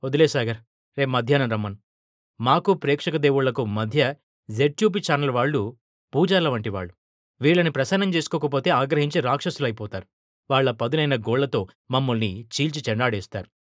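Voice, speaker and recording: A man's voice: medium pitch, brisk, no room sound, clean studio sound, close to an everyday voice. A man voicing a tired, irritated middle-aged male film star who complains about his busy life. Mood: earnest.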